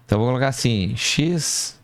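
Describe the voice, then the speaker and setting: A man's voice: medium pitch, expressive, a little fast, no room sound. A man teaching mathematics, walking through a calculation step by step, asking himself questions and correcting small slips as he goes. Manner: talks students through each step, asking and answering himself. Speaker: math professor. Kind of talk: lecture at a board.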